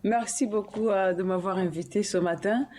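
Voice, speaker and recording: A woman's voice: medium pitch, moderate pace, a little mellow, a little hiss or hum. A woman, a singer interviewed as a guest on a TV studio show. She speaks hesitantly, with many fillers and restarts. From Burundi.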